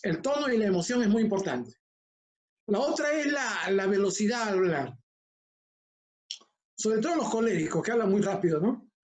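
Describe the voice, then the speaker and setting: An older man, a homiletics professor, teaching an online class in a calm, conversational way, speaking from a short distance to a laptop mic. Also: high voice, normal speed, pauses often.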